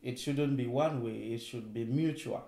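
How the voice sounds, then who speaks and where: A man's voice: medium pitch, moderate pace, dark tone, reverberant. A man from Cameroon, a project field worker, speaking reflectively in an interview.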